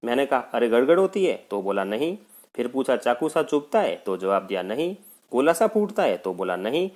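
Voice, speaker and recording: A man's voice: mid-range voice, sing-song, moderate pace, a little mellow, natural voice. A male teacher voicing a flustered father who animatedly retells his son's complaint, reading a play aloud. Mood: exasperated. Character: flustered Indian father describing his son's odd stomach ache.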